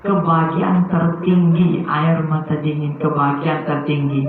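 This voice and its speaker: A man preaching, moving from soft, tender lines to loud, emphatic bursts. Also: fairly high pitch, little pitch movement, a little slow, slight background noise. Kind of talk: sermon. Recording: very echoey, phone-like muffled sound.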